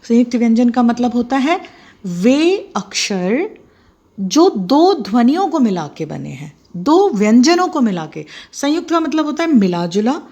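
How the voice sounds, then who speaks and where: A woman's voice: a little high, very animated, measured pace, mellow. A middle-aged woman teaching children to write letters, spelling them out one at a time with patient explanations. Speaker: Hindi teacher. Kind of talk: handwriting lesson for children.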